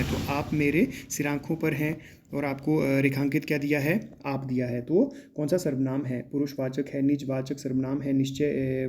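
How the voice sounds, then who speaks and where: Man, teacher, mock exam walkthrough, warm dark tone, repetitive check-ins. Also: medium pitch, a little hiss or hum. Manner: many drawn-out hesitations.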